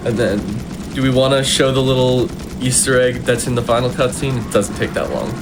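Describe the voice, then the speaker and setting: Male speedrun commentator, mid-pitched, casual delivery, noticeable game noise behind him. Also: steady tone, brisk.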